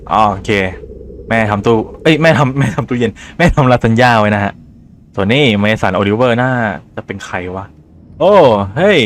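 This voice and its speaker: A man with a Thai accent and a slight cold, casually commentating a horror game, swearing and reading game lines aloud. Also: mid-range voice. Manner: chatty, swears casually, reads game dialogue aloud in his own voice. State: has a cold, phlegmy throat. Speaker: gaming YouTuber. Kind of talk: casual let's-play commentary.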